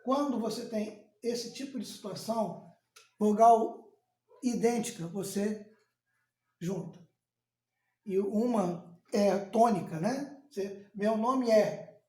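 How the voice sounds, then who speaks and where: A male teacher explains at a slow, deliberate pace. He repeats words and restarts as he works through each point. The room gives his voice a noticeable echo. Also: high voice, dark tone. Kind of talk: recorded classroom lesson. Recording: echoey room.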